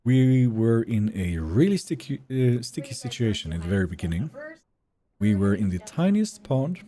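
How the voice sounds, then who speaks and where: A young man chatting casually through a live gameplay stream, reading out and answering chat messages in a relaxed way. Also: mid-range voice, normal speed. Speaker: game streamer.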